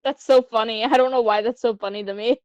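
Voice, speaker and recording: A young woman talks casually about the themes of a show. Her voice sits a little high, and she mixes thoughtful points with easy laughter. The recording is dry and close. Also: steady tone, darkish tone, dry recording, muffled recording. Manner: chatty, reflective, quick to laugh. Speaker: podcast co-host. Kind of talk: casual anime discussion.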